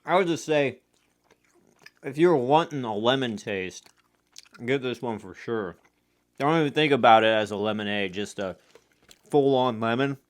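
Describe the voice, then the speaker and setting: A man's voice: mid-range voice, animated, moderate pace, pauses often. A man casually reviewing candy for viewers, eating sour candy as he talks and reacting to the sourness.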